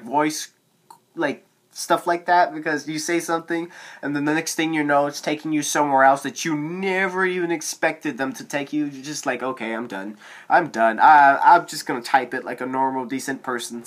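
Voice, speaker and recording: A man's voice: mid-range voice, fairly bright tone. Teen boy vlogger on phone cam, rambling advice, filler-heavy, voice cracks at times. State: voice cracking now and then. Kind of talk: casual advice monologue to camera. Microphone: phone camera.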